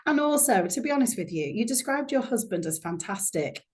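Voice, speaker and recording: A woman's voice: fairly high pitch, lively intonation, fairly quick, darkish tone. A woman hosting a podcast interview, chatty and effusive, introducing her guest with many restarts. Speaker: podcast host.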